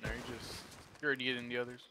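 A man's voice: medium pitch, level tone, rapid-fire, noisy background. A man joking offhandedly with a friend over voice chat while they play a game. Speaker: friend playing along. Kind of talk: casual gaming voice chat.

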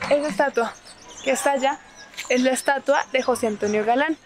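A woman's voice: high voice, fairly quick, a little hiss or hum. A young woman, chatting outdoors as she tours a town and explains a grammar point to viewers. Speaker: Spanish teacher and travel vlogger. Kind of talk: travel vlog with language tips. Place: outdoors in a small town and countryside. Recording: music playing behind the voice.

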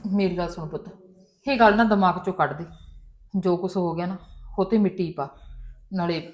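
A woman's voice: lowish voice, moderate pace, lightly acted. A woman playing a mother who soothes and coaxes her upset daughter in a family drama. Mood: soothing. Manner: soothing, coaxing, repeatedly calling her child. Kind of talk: Punjabi family drama dialogue.

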